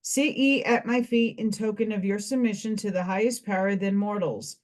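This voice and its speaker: A woman's voice: medium pitch, fairly even intonation, moderate pace, darkish tone, close to an everyday voice. A woman reading the part of a solemn male death spirit in a stern, ceremonial recitation.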